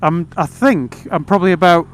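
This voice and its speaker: At a normal speed and in a high-pitched voice, a man with an English accent banters over a motorbike helmet intercom, mostly while riding outdoors. This motorcycle vlogger rambles a bit and jokes dryly, with loud wind, engine and road noise throughout.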